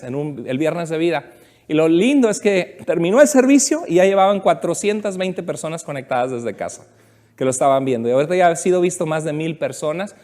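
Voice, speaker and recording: A man's voice: on the high side, mellow. A man preaching a conversational sermon as a pastor, asking his congregation questions and joking with them. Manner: chatty, asks the congregation questions, jokes. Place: church service.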